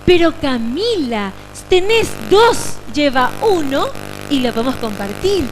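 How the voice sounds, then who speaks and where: A woman voicing a patient mother who gently scolds and teaches her daughter. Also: high-pitched, sing-song, measured pace. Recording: recording with loud hum and engine noise.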